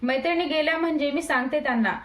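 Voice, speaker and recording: A woman's voice: sits high, fast, a bit bright, reverberant. A woman doing a timid palace maid. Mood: worried.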